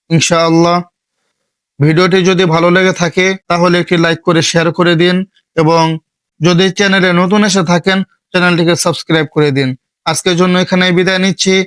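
A man from Bangladesh teaching an online Quran recitation lesson, patiently repeating each step slowly. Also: high-pitched, a bit bright, clear, resonant tone, dry recording.

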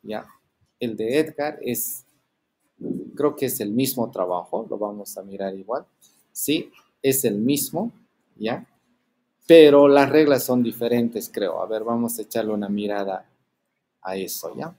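Male teacher on a video call, mid-pitched, explanatory, leans on tag questions. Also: a little slow, long pauses, warm tone. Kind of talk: online class lecture.

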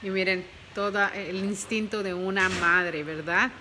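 A woman's voice: mid-range voice, steady tone, measured pace, background noise. A woman vlogging at home on a phone, chatty and doting, mixing in English words. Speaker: family vlogger. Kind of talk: casual home vlog narration. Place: at home beside a birthing dog.

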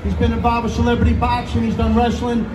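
A man interviewing people live on stage at a press conference, talking haltingly and repeating his phrases. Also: very high voice, completely flat delivery, distant mic, noisy background. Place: indoor venue stage. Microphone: handheld microphone, distant camera. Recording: echoey stage PA from afar, loud crowd.

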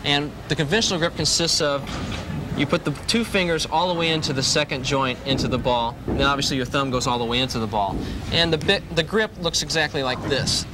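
In an instructional demonstration filmed at an indoor bowling alley, a pro bowler in his thirties explains grips and shoes, repeating the key points. He's on a lapel mic, and his slightly high voice moves fairly quickly against a noisy background.

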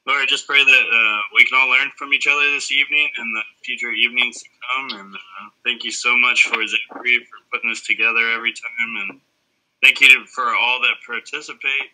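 Man, spoken prayer, halting, very bright tone, video call. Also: mid-range voice, rough recording. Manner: halting, many pauses. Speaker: group member leading prayer.

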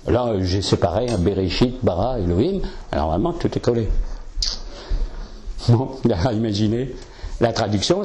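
A man's voice: on the low side, dark tone. A man giving an informal lecture to a live audience, explaining as he goes with many fillers. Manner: chatty, explanatory, frequent "hein" and "euh".

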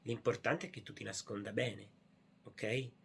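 A man doing a playful puppet show for a baby, talking softly in a hushed, coaxing way. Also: fairly low pitch, fairly even intonation, unhurried, creaky, breathy edge.

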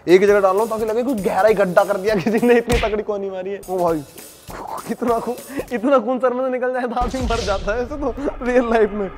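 A man's voice: high voice, fairly even intonation, a little fast, over music. Joking young man vlogging. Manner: joking, playful, self-mocking. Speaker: prank vlogger. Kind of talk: casual vlog narration.

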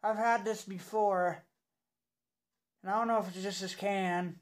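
A young man talks slowly through a lip full of dip. He rambles casually like a home video reviewer, halting between thoughts and sounding unimpressed. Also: high-pitched, steady tone, slight background noise. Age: young adult. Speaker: product reviewer. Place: indoors in a home room.

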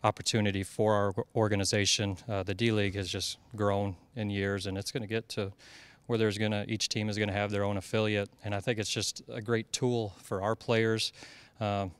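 At an indoor media backdrop, an Iowa basketball head coach in his thirties earnestly fields interview questions, with lots of fillers and restarts. The interviewer holds the handheld mic, and the dry, clean recording captures his lowish voice at normal speed with little pitch movement.

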